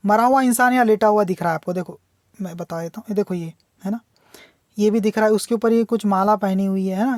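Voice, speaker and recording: A woman teacher explaining a poem line by line. She reads the English lines slowly and drawn out, then explains them quickly in Hindi, asking questions and answering them herself. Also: mid-range voice, a little mellow, dry recording, clean studio sound.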